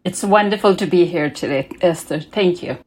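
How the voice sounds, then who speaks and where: A woman from Denmark, a podcast guest, explaining her work in a measured, explanatory way. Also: lowish voice, darkish tone, breathy edge. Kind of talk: podcast interview.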